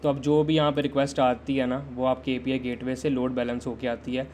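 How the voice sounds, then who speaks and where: Male tech instructor for a live lesson. Conversational and steady with little pitch movement. Keeps putting questions to the viewers. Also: a little fast, slight background noise. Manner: conversational, quizzes viewers and waits for chat answers. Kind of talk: live-streamed system design lesson.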